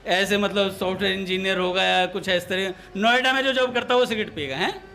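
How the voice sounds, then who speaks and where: A man's voice: high voice, steady tone, brisk, creaky, bright, forceful tone, soft background music. A man giving a devotional talk in a storytelling manner, mixing everyday anecdotes with a funny tale of lisping brothers. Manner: storytelling, mimics lisping voices for comic effect. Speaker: satsang speaker.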